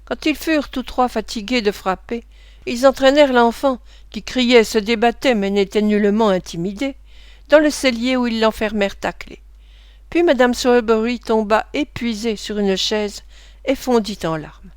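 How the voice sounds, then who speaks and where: A woman narrating a classic novel for an audiobook in a steady, measured way. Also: a little high, smooth, dry recording, clean studio sound. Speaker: reader.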